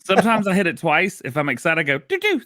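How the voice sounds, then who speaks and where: A man hosting a casual livestream, his pitch bouncing lively up and down as he talks. He laughs easily and throws in playful little sound effects. The sound is close and dry, with no room around him. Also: quick pace, no echo. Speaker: livestream show host.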